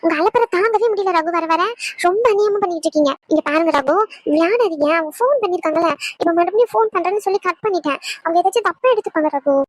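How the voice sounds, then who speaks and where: A huffy young cartoon wife, voiced by a woman who scolds in a very high, rapid voice. It is dry and close, with no room sound. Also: no room sound. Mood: flustered. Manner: scolding, fast, indignant. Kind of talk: cartoon voice acting.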